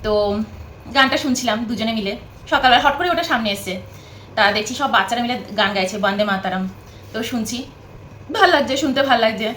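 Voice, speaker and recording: A woman's voice: on the high side, quick pace, long pauses, a bit bright, reverberant, a little hiss or hum. A woman vlogging at home from her bed, chatting casually to the camera, rambling and repeating herself.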